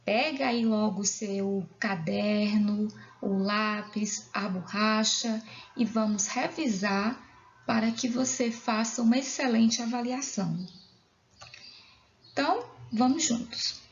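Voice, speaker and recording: Slow, clear Brazilian woman teacher. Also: medium pitch, fairly even intonation. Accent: Brazilian Portuguese. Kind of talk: recorded school lesson for children. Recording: dull lo-fi sound in an echoey room.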